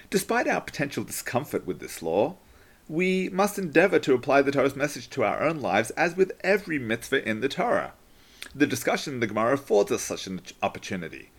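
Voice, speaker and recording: A man who is a rabbi, teaching a daily Talmud lesson in an explaining, storytelling manner. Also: medium pitch.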